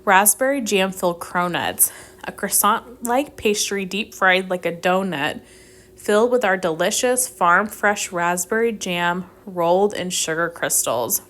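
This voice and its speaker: A woman's voice: medium pitch, a little slow, a bit bright. A young woman casually reviewing a scent preorder list, reading out notes and thinking aloud, her voice a bit strained from sneezing. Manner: chatty, mulls options aloud, reads scent notes. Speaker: wax melt reviewer. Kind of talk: casual product review vlog.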